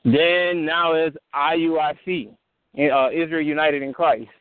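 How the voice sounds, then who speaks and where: Halting man on a tinny phone line. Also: fairly high pitch, steady tone, smooth, dry recording. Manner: halting, many fillers and restarts. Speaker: host of a call-in fellowship discussion. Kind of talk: casual phone discussion.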